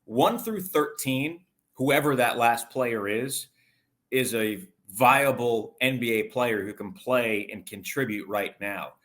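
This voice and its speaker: A medium-pitched, slightly bright male voice moves at a slow pace. He's a guest in an interview doing relaxed sports analysis, explaining things in long, detailed, talkative answers.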